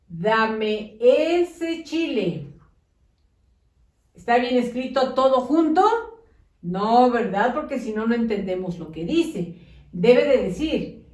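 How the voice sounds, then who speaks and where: Woman teacher, patient dictation for small kids, slightly high voice, echoey room, a bit off-mic. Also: a little mellow, far from the mic. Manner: patient, coaxing, uses diminutives. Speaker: primary school teacher. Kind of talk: slow dictation lesson for young children.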